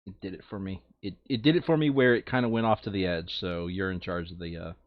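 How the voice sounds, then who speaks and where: A man with a deep voice records a board game playthrough, chatting casually at a quick pace, thinking aloud and sometimes muttering to himself. The audio is dry and comes through a slightly dull lo-fi microphone.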